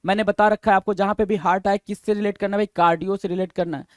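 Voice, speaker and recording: A man teaching English vocabulary for exam prep. He reads each definition slowly in English, explains it in Hindi, quizzes the listener with repeated questions and spells the answers letter by letter. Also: high voice, fairly even intonation, no room sound.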